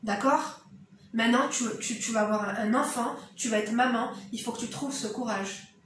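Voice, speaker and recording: Algerian accent woman talking straight to the viewer, blunt motherly advice, voice a bit high, lots of room echo, mic kinda far. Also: a little hiss or hum. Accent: eastern Algerian. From eastern Algeria. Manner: frank, direct, motherly advice-giving. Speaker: YouTuber. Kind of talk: casual advice commentary to camera. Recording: very echoey room, mic at a distance.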